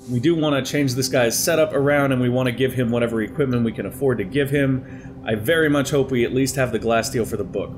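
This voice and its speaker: A slightly allergy-congested young man, medium in pitch, speaks into a headset mic with a little hiss or hum in the background. He's a gaming commentator chatting his way through a strategy game let's play, voicing his move plans as he goes.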